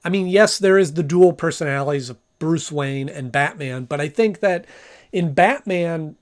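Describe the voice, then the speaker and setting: Man, fairly high-pitched voice, casual reviewer, conversational recap, informal storytelling. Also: normal speed.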